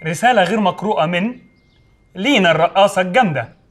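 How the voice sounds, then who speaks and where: A man voicing a home AI robot that reads messages aloud in a flat, announcing way. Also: sits high, quick pace. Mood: deadpan.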